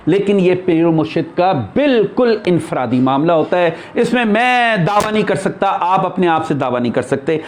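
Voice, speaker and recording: A man with a high-sitting voice speaks as a spiritual teacher in an informal religious discourse, explaining emphatically and posing rhetorical questions.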